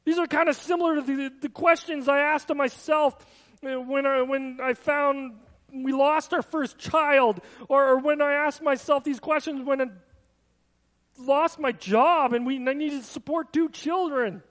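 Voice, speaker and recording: Male pastor, very high voice, earnest conversational sermon, long hall reverb. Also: steady tone, a little slow, a bit bright. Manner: earnest, conversational preaching with personal asides.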